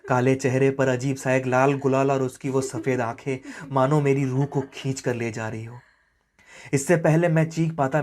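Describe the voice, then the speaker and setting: A man narrating a horror story in a slow, suspenseful way that often sinks to a hush. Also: medium pitch.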